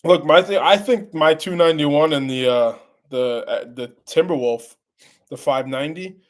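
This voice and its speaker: A congested man hosting a casual live stream, rambling and restarting his sentences as he answers the chat. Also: fairly high pitch. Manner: rambling, halting, many restarts.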